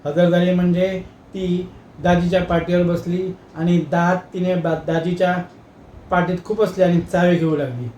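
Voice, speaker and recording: A man telling a comic story in a lively, dramatic way. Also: high voice, a little slow, roomy sound, lo-fi sound, slight background noise.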